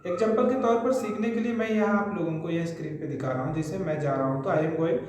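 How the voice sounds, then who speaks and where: A man's voice: high-pitched, quick pace, a little mellow, slight background noise. A man teaching a spoken English grammar lesson, patiently drilling example sentences one after another. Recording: very echoey room.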